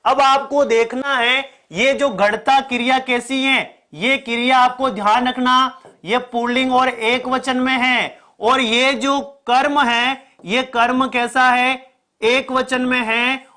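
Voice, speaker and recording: A man with a very high voice teaches an exam-prep grammar class online. His throat is sore and he clears it now and then. He hammers each rule home and keeps asking students to answer fast. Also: sharp tone. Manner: repeats key points, asks the class to answer quickly.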